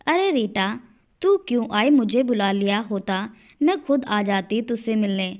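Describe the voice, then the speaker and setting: A woman's voice: on the high side, lively intonation, measured pace, dull audio. A woman voicing a cruel young daughter-in-law who scolds and sneers at her elderly in-laws. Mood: flustered. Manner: scolding, contemptuous.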